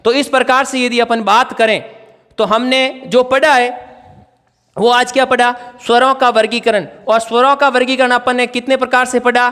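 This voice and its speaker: A man's voice: very high-pitched, flat delivery, normal speed, pushed and bright, in a large hall. A male teacher giving an exam-prep grammar lesson, asking questions and answering them himself as he writes on a board. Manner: writes on a board while explaining.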